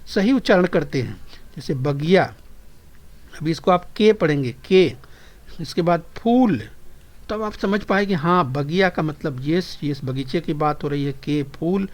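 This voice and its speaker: A man teaching young children a Hindi lesson, speaking patiently and constantly encouraging his pupils, slowing down so they can repeat after him. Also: a little high. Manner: patient, repeats phrases slowly for pupils to echo. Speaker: primary school teacher.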